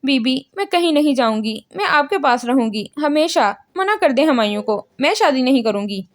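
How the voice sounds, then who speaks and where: A woman's voice: sits high, lively intonation. A woman voicing a tearful, lonely young woman in a storybook reading, weepy and plaintive. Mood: pleading.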